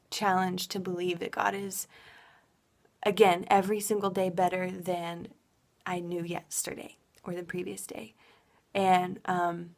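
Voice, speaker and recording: Earnest woman with a gravelly low voice. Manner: earnest, heartfelt, frequent ums. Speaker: dance teacher giving an update. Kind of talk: casual personal update.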